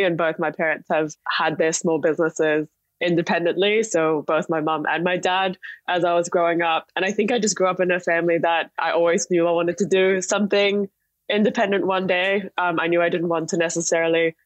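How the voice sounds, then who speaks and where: A young woman from Singapore, with some Australian background, tells her story conversationally as a guest on a podcast interview; she's a startup chief executive. Her voice is on the low side, with fairly even intonation and a slightly fast pace, and there's no echo.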